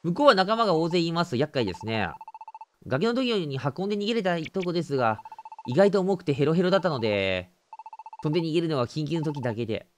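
A man voicing a polite, formal dragon creature from a video game, reading its lines calmly. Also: on the high side, fast, slight background noise. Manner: calm, polite, formal speech. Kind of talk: reading game dialogue aloud.

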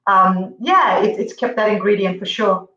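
A woman's voice: medium pitch, normal speed, pushed and bright. A middle-aged woman from Zambia, guest singer on a video call, telling stories casually with lots of fillers. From Zambia, grew up in Zimbabwe. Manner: chatty, storytelling with many fillers. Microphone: distant laptop mic on video call. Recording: roomy, distant, dull video call audio.

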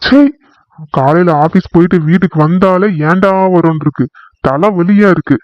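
A man's voice: high-pitched, normal speed, dry recording, dull audio, close to an everyday voice. A man voicing a weary village husband in a cartoon, who scolds his wife in a tired, exasperated way.

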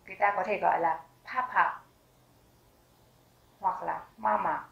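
A woman teaching vocabulary, repeating each word slowly and carefully. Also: fairly low pitch, steady tone, gravelly, echoey room, lo-fi sound. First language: Vietnamese. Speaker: German language teacher. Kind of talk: vocabulary lesson with slow repetition.

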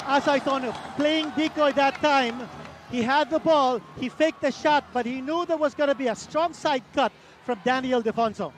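A man giving measured basketball analysis during a live game broadcast. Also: extremely high pitch, noisy background. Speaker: color analyst. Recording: archival broadcast over loud arena crowd. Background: arena crowd.

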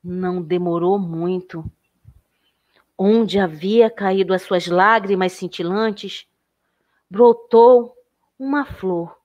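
Slow, gentle woman telling a children's story. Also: medium pitch, muffled recording. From Brazil. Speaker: educator and storyteller.

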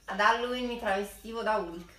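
A woman's voice: medium pitch, moderate pace, bright, forceful tone. A young woman bantering casually during a game. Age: young adult. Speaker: video challenge participant. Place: small bedroom, indoors. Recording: roomy, distant mic, music behind.

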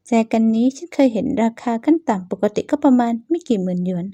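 A woman voicing a manga story, speaking in a thoughtful, quiet inner-monologue tone. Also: a little high, animated, fast, dry recording. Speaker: manga dub voice actor.

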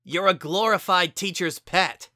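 A narrator playing a furious, bitter pegasus mare. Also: female voice, lowish voice, a little slow, dry recording, clean studio sound, pitched above the performer's own voice. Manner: loud, bitter, accusing. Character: young female pegasus pony, injured, bitter and fiery.

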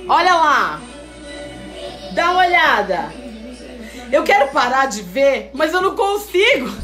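A woman's voice: high voice, measured pace. A woman hosting a live stream sale, chatting and teasing as she reads out viewer comments. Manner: lively, chatty and teasing, calls viewers "mulher". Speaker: host selling wigs on a live stream. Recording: echoey room with faint music. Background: faint background music.

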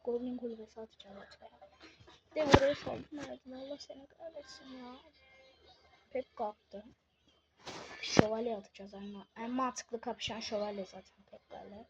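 A woman giving casual live commentary on her own game, excitable, swinging from muttering to shouting. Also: on the high side, moderate pace, heavy background noise.

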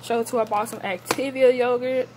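A young woman vlogger shows off her grocery haul in her home kitchen, filmed on a handheld phone, chatting casually to viewers with fillers and "y'all." Her voice is on the high side with fairly even intonation and a normal pace, and there is noise in the background.

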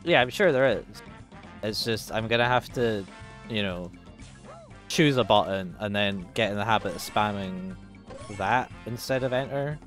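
A man's voice: fairly low pitch, moderate pace, fairly bright tone. A man casually commenting on his own speedrun as he plays, thinking aloud, swearing freely and poking fun at himself. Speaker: speedrunner streaming his run. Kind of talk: casual live commentary over gameplay. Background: faint game music.

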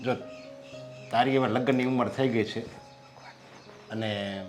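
A man's voice: mid-range voice, fairly even intonation, slow, over music, natural voice. An actor playing a stubborn, traditional middle-aged father who lectures his son firmly about marriage and family. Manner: firm, lecturing, proverb-like reasoning.

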